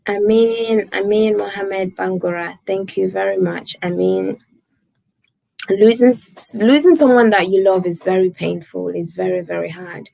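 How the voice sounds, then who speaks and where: Livestream host, woman in her twenties, gravelly tone, dry close sound, chatty, laughs a lot. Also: mid-range voice, steady tone, a little slow, mellow, no echo, poor audio. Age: 20s. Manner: chatty, laughs often, thanks viewers by name. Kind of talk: casual live chat reading viewer comments.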